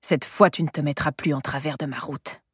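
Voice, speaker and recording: Cold threatening gunman guy, read by a woman, low voice, dry sound. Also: fairly even intonation, brisk, slightly rough, no echo. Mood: menacing.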